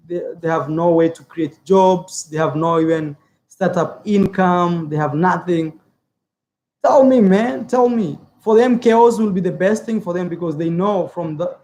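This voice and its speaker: High-pitched man, from Africa, casual vlog, earnest, repetitive, filler-heavy. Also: a little mellow. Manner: earnest, repeats phrases, many filler words. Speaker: YouTuber. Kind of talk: casual opinion vlog, reading viewer comments.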